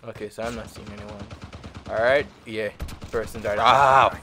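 Here the same Jamaican-accented host keeps up his loose, meandering commentary on a mobile shooter, repeating himself and leaning on fillers. He speaks at a moderate pace in a lowish, fairly even voice with a sharp tone, over a little hiss or hum.

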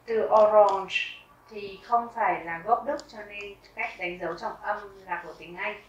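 Woman teacher, measured and unhurried, repeats each word for learners; recorded off-mic in a roomy space. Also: mid-range voice, distant mic, muffled recording, slight background noise. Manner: reads each word twice, slowly and carefully. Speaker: German teacher. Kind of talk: slow vocabulary lesson with pronunciation drills.

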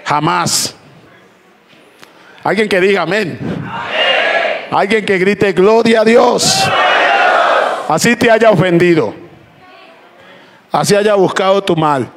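A man preaching a sermon to a congregation, calling out praises between slow, emphatic phrases. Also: high-pitched, heavy background noise. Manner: impassioned preaching with repeated "aleluya" and "gloria a Dios". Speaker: pastor. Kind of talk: Spanish-language sermon. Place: church hall with congregation. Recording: church crowd faintly audible. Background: congregation responding "amén".

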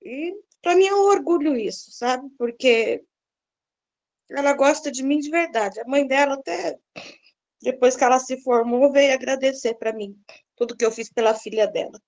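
A woman's voice: sits high, moderate pace, a little mellow. A middle-aged woman, earnestly recounting a personal story and acting out the dialogue. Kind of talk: personal testimony, casual storytelling.

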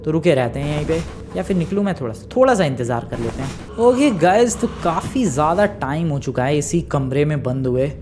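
A man giving lively, chatty commentary on his own gameplay, talking straight to his viewers. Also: a little high, fairly quick, few pauses, background noise. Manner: excitable, chatty, talks to viewers as "bhai" and "guys". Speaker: gaming YouTuber.

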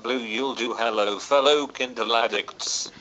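A synthetic male text-to-speech voice with a British English accent, played from an e-reader and reading in an even, mechanical way. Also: medium pitch, a little slow, slight background noise, low-quality recording.

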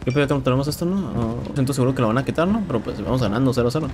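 A young man with a Mexican accent giving casual, excitable commentary while playing a shooter game, swearing and repeating words. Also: medium pitch, rapid-fire. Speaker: gameplay streamer. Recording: game sounds and noise in background.

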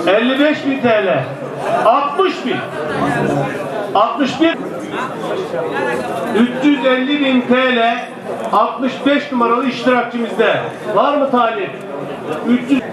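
Male auctioneer, very high projected bid calling, heard far off over an echoey PA. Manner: repeats bids, calling out loudly to bidders. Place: open-sided outdoor sale ring. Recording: echoey distant PA with loud crowd. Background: loud crowd.

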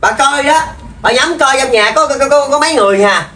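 A woman's voice: high voice, lively intonation, brisk, a bit bright. A woman, playing an accusing, scolding mother in a comedy sketch. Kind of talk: scripted comedy sketch acting. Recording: echoey room from far off.

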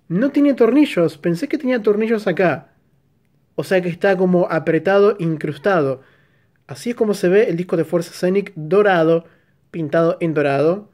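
Argentine guy doing a toy unboxing vlog, high voice, gets loud and hyped. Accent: Argentine Spanish. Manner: excitable, narrating hands-on, bursts of shouted exclamations. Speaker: toy reviewer.

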